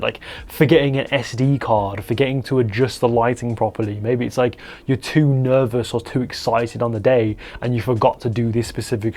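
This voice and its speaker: A young man, a portrait photographer, giving casual advice to camera in a rambling way full of fillers and restarts. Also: darkish tone. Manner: acts out quoted voices with pitch jumps.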